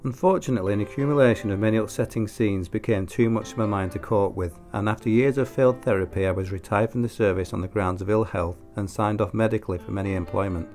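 This man, in his forties and hosting a woodworking channel, has a lowish, darkish voice and a quick pace with few pauses. In a plain, scripted voice-over, he openly criticizes his own work, while faint music sits underneath.

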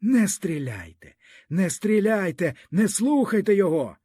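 A man's voice: high voice, big pitch swings, unhurried, mellow, slightly rough, no room sound, studio quality, voice pushed up, exaggerated voice. A man voicing a desperate peasant leader who pleads with soldiers in an anguished, urgent way.

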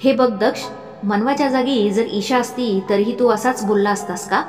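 A woman voicing an older mother figure who is fond but insistent, speaking slowly and coaxingly in an audiobook story. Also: on the high side, a little mellow, natural voice. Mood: firm. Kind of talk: audiobook narration. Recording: echoey room with faint music.

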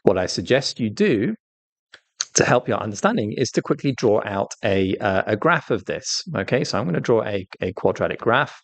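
A man tutoring exam math, walking through each step patiently and checking understanding with a quick "right?". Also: lowish voice, very animated, creaky, dry recording. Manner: patient, explains step by step while drawing; stresses key points with "right?". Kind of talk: exam walkthrough lesson.

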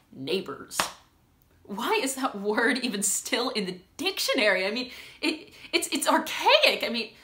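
A young woman acting a stage monologue as a rambling, self-conscious, lonely woman, halting and repeating her words in an emotional way. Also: mid-range voice, pushed and bright. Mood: nervous, incredulous. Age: young adult. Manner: halting, rambling, repeating words, swinging between nervous laughter and tearfulness. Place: small room indoors with bare wall. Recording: roomy echo.

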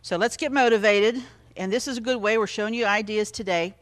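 A woman's voice: mid-range voice, a little fast. Woman, TV cooking host, friendly and chatty, walks viewers through each step while she cooks. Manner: chatty and encouraging, talks straight to viewers. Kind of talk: TV cooking demonstration.

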